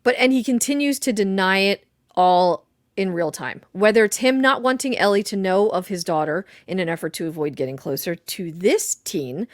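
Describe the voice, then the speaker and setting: A woman co-hosting a casual podcast, talking things through in a thoughtful, easygoing way with the odd laugh and curse. Her voice sits at a middle pitch. The recording is close and dry, with no room sound. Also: no room sound. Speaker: podcast co-host. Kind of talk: casual chat analyzing a video game. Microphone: desk mic.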